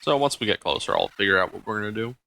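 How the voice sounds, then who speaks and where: A man's voice: lowish voice, big pitch swings, very fast, creaky, pushed and bright. A man hosting a let's play, giving casual gameplay commentary and thinking aloud with frequent ums and uhs.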